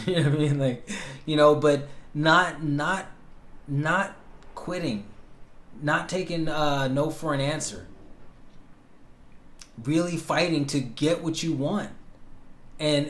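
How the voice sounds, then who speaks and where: A man in his late thirties, talking in a rambling, reflective way with many fillers and restarts, as host answering questions about his life. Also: medium pitch. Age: 30s. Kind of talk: casual self-interview. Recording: roomy echo.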